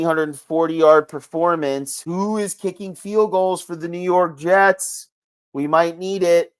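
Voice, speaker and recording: A middle-aged man hosting a sports podcast, talking in an excitable, rambling way with big swings in pitch and loudness. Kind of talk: casual sports commentary.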